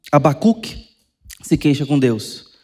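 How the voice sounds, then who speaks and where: A Brazilian pastor preaching from the pulpit in a fairly high but dark, mellow voice. He talks conversationally, drops to quiet asides and then climbs into stressed, drawn-out points. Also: breathy edge. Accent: Brazilian Portuguese. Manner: conversational preaching, swings between soft asides and emphatic rises. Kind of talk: sermon. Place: church sanctuary.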